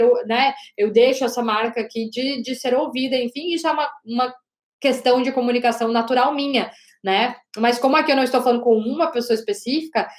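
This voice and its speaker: A woman teaching an online lesson on body language as a communication coach, talking loudly and emphatically and often checking in with the audience. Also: fairly high pitch. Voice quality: loud, projecting voice. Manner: emphatic, with frequent "né?" and "gente". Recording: roomy echo.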